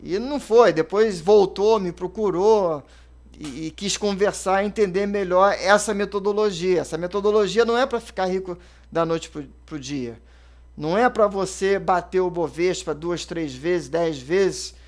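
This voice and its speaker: High-voiced Brazilian man explaining investing. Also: moderate pace. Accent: Brazilian Portuguese. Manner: conversational, uses fillers and self-corrections. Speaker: investment advisor. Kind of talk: casual explanatory talk.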